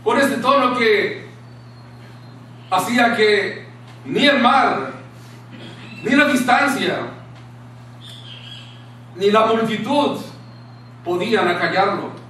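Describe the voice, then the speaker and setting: A man preaching a sermon in a small church room, impassioned, dropping to a hushed tone when he quotes scripture. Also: high voice, animated, slow pace, pauses often. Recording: very echoey room, distant mic, faint hiss.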